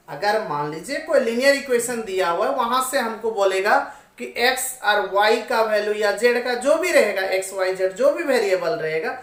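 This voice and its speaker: Woman maths teacher, higher voice, questions and answers for the class, roomy echoey recording. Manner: asks the class questions and answers them herself. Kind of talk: classroom-style maths lesson. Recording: echoey room, voice away from the mic.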